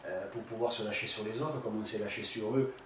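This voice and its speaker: A man's voice: on the low side, steady tone, a little fast. A man giving spoken advice to a viewer, blunt and colloquial with crude slang and many fillers, addressing the questioner directly. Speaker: spiritual teacher answering a viewer's question. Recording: very echoey room, voice far from the mic, faint background noise.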